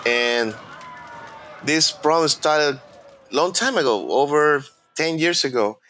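This interviewee, a native Spanish speaker with a Venezuelan accent, recounts his own experiences in a halting, thoughtful manner, frequently repeating words as he looks for them. His voice is on the high side, expressive, bright and forceful.

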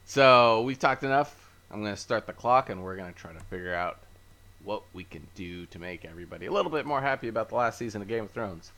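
A man with a very low voice and a bright, forceful tone hosts a casual podcast chat. He rambles through a recap, pausing on fillers and correcting himself as he goes. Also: lively intonation. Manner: easygoing, self-correcting. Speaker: podcast host.

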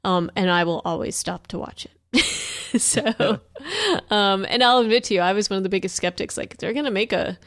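A woman co-hosting a podcast, chatting in a relaxed, talkative way with many fillers. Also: mid-range voice, moderate pace, no echo, studio quality. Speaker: podcast co-host. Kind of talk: casual chat.

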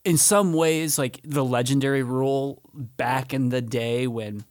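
A man's voice: medium pitch, measured pace, darkish tone, dry recording, clean studio sound. A man co-hosting a podcast in casual chat, laid-back, mostly giving short agreeing replies. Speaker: podcast co-host.

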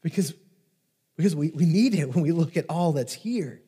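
A pastor preaching a sermon, telling stories with lively restarts and repetitions. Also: male voice, a little high, moderate pace, slightly rough. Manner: animated storytelling with repeated restarts. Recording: long reverb of a large hall.

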